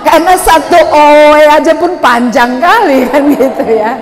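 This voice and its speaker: A woman pastor giving a joking, lively sermon at a youth camp. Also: high voice, measured pace, over music. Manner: joking and lively, with laughing asides. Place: church hall. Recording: echoey hall with faint ambience.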